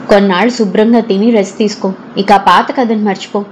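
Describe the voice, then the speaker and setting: A kind, comforting older lady, read by a woman storyteller, soothing and reassuring. Her voice sits at an ordinary pitch, read for a spoken story over faint noise. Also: steady tone, fairly quick, a little mellow, close to an everyday voice.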